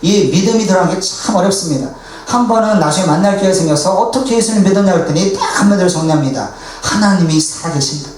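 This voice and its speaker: Male pastor, high voice, earnest storytelling sermon, recorded far off in a reverberant sanctuary. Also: rapid-fire, darkish tone. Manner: earnest preaching, acts out quoted dialogue. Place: church sanctuary. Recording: echoey church hall, distant, faint hiss.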